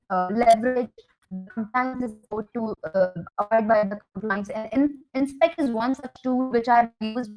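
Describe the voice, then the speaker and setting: A woman giving a technical conference talk over a remote video call, pausing often with fillers. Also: a little high, low-quality recording. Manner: halting, many fillers. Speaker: conference speaker.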